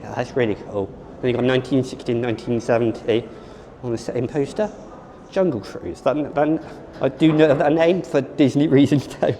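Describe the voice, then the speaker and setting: A man's voice: mid-range voice, steady tone, normal speed, mellow, a little hiss or hum. A man giving casual, rambling vlog commentary at a theme park and then inside an exhibition. He thinks aloud, often restarts and corrects himself.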